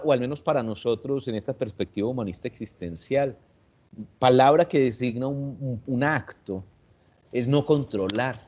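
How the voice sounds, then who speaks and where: Colombian man, psychologist guest, thoughtful, unhurried explainer, mid-range voice. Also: mid-range voice, darkish tone, lo-fi sound. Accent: Colombian Spanish. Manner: reflective, measured, with pauses and restarts. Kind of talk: explanatory talk on anxiety. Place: online video session.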